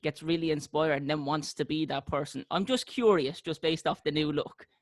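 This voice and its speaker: Male podcast host, bright higher voice, dry close mic, quick to laugh. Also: no room sound. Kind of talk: casual podcast chat.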